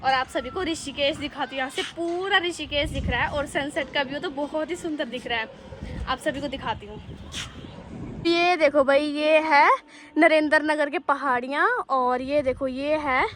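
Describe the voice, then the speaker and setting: A high-pitched young woman vlogs casually on her phone as she walks through a house and the streets outside. She talks straight to her viewers in a chatty, friendly way. A faint hum of ambience sits behind her voice. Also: normal speed, fairly bright tone. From Uttarakhand, India. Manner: chatty, addresses viewers directly, calls them bhai. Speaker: vlogger. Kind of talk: casual walking vlog. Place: house and streets in a hill town, indoors and outdoors.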